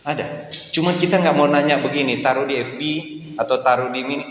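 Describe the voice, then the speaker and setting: A man's voice: medium pitch, brisk. A middle-aged male pastor preaching a sermon, telling stories and acting out the people in them. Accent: Indonesian. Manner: anecdotal, jokey, acts out quoted voices. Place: church hall. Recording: echoey church hall with long reverb.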